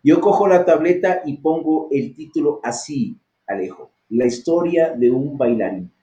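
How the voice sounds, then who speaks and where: A man hosting a radio interview, sharing reflective personal anecdotes in a relaxed, conversational way. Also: a little high, moderate pace, dull audio. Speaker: radio host. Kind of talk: casual interview chat. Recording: roomy echo.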